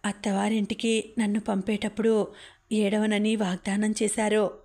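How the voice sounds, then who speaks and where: A woman reading the lines of a gravely ill young woman in a weak, gentle, halting way. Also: mid-range voice, little pitch movement, lightly acted. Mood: tender, weak.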